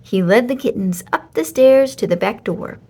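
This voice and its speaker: With a mid-range voice and ordinary speed, a woman brings a children's story to life as a lively, expressive reader.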